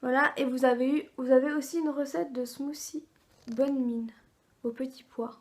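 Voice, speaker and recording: A woman's voice: sits high, steady tone, normal speed, darkish tone. A woman vlogger chatting casually through a box unboxing, reading product labels aloud with many fillers.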